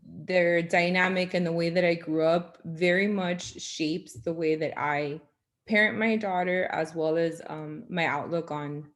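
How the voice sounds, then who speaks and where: A woman answers an impromptu question on a video call, frank and thinking aloud with many pauses. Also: on the low side, steady tone. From United States, Cuban parents.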